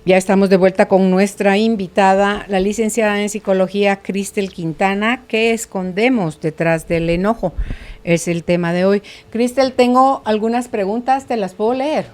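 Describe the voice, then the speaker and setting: A woman's voice: mid-range voice, fairly even intonation, normal speed, darkish tone. A woman hosting a radio talk show, chatty and informal, moving between guest talk and listener messages. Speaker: radio podcast host. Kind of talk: casual on-air interview hosting.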